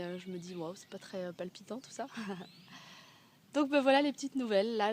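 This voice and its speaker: Woman vlogging halting and reflective, with a sore throat. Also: mid-range voice, a little hiss or hum. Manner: halting, reflective, many fillers and restarts. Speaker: vlogger walking a pilgrimage route. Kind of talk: casual video diary. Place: outdoors at daybreak.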